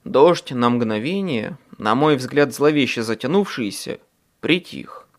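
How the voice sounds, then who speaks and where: A man narrating an audiobook in first person with a dramatic, expressive delivery. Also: medium pitch, measured pace.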